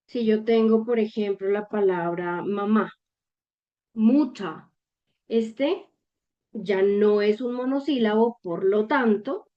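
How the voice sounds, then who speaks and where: A woman teaches a language lesson at a very slow, deliberate pace, with patient explanations and frequent quick questions to her viewers. Her voice sits at a middle pitch, and the recording sounds a little dull and lo-fi. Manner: patient, checks in with short questions. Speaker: German teacher.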